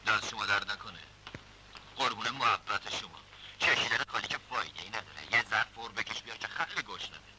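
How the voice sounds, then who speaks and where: A man's voice: fairly low pitch, lively intonation, lightly acted. An actor playing a cocky, wisecracking male spy agent who jokes and mocks his captors in a dubbed 1960s comedy film. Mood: mocking. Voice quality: joking, mocking banter. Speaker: captured secret agent. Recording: loud hiss of old film soundtrack.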